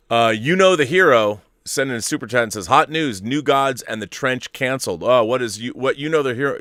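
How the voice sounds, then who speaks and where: Casual and opinionated, the middle-aged streamer works through viewers' super chats, rambling and frequently self-interrupting. He has a mid-range, fairly bright voice, recorded at studio quality with no room sound.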